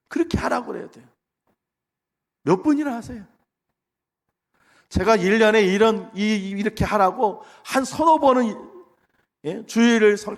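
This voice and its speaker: A middle-aged male pastor preaching a sermon, animated, swinging between loud exhortation and soft asides. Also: sits high. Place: large church sanctuary. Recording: long reverb of a large hall.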